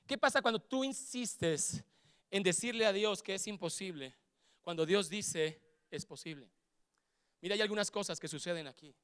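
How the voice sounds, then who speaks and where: A man with a Mexican Spanish accent preaching a sermon as pastor, fervent, building to shouts and acting out quoted voices. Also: high voice, moderate pace, clean tone, no echo, studio quality.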